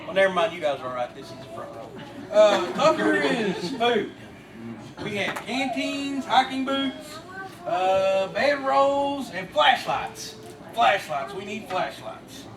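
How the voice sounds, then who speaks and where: A man's voice: sits high, big pitch swings, takes it slowly, exaggerated voice. Man doing a jolly Australian outback guide. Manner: jokey, upbeat, addresses the crowd as mates. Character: cheerful outback guide man, teasing, folksy. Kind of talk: live church skit acting. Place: large hall with an audience. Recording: roomy distant live recording with audience and noise.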